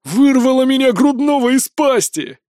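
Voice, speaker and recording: A man voicing a huge young northern lord who shouts exuberantly. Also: very high-pitched, sing-song, measured pace, no echo, studio quality, pitched above the performer's own voice, heavily acted.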